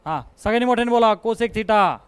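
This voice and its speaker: A man's voice: sits high, brisk, clean tone. A man with a Marathi accent teaching a math class, coaxing students and checking again and again whether they follow. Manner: coaxing, repeatedly checks understanding. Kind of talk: classroom lecture. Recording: noisy classroom recording.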